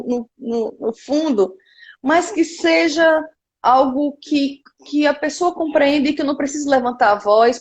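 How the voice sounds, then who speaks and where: A woman in her thirties with a Northeastern Brazilian accent, a cultural producer telling her story frankly and lively in an interview. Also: high-pitched. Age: 30s. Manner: lively and frank, frequent "né" tags.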